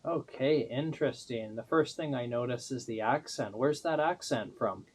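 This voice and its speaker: A man's voice: mid-range voice, normal speed, husky. A man interviewing a guest, overly polite and mock-earnest.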